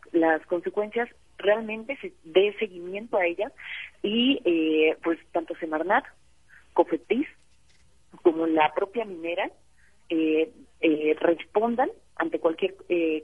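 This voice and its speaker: A woman speaks as a guest on a tinny phone line. Her voice is husky and dry. She talks earnestly, filling her pauses with "eh". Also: lowish voice, dry recording. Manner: earnest, many "eh" fillers. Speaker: phone guest, Greenpeace campaign coordinator. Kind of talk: interview over the phone. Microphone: telephone.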